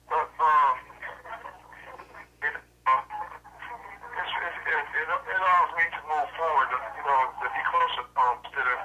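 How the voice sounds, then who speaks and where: A man talking over a prepaid collect payphone call, halting and hesitant, often repeating words. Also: fairly high pitch, sharp tone, highs cut off. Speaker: incarcerated caller. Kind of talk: casual chat.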